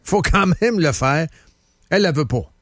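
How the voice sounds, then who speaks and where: Fairly high and fairly bright, a man's animated voice tells rambling stories on casual talk radio at a moderate pace. He has a Quebec French accent, uses lots of fillers, and is recorded in a dry studio with no room sound.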